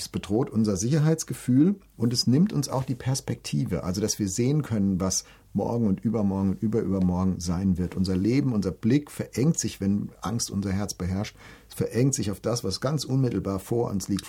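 Middle-aged male preacher, low mellow husky voice, earnest, direct to listener. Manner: earnest, addresses listener directly, reads scripture slowly. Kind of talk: devotional talk, sermon.

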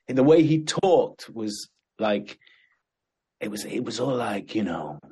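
A man's voice: on the low side, very animated, slow pace, dark tone, breathy edge. An older man from Sudan, reminiscing in a casual chat with many restarts and frequent laughter. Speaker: actor and guest.

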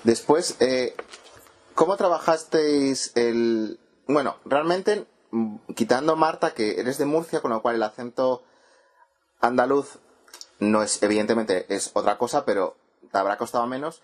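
A man interviews a cast, working through long questions with frequent pauses and filler sounds. His voice sits at an ordinary middle pitch. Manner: hesitant, many ehs, slow searching questions.

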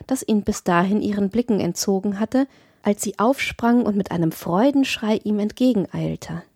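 A woman narrating a literary audiobook in a measured storytelling manner, close to the mic. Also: mid-range voice, mellow, no echo.

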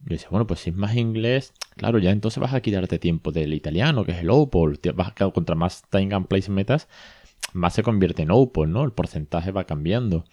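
A man from talks in a deep, mellow voice. He hosts a casual podcast, retelling a consultation with chatty asides. The recording is dry and close. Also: lively intonation, a little fast, no echo. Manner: conversational, retells dialogue, frequent asides and self-corrections. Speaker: podcast host, bilingual parenting consultant.

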